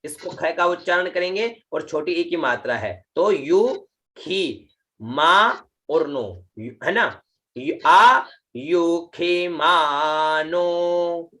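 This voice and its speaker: A man teaching Vedic chanting in an online lesson. He draws out each syllable slowly and patiently explains how to pronounce it, often checking in with the listener. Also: on the high side, sharp tone. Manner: slow, drawn-out syllables with chanted demonstrations.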